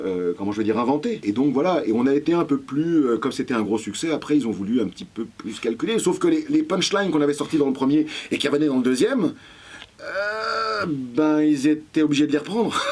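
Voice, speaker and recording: A man, a voice actor guest in an interview, telling lively anecdotes and swearing casually. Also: medium pitch, husky.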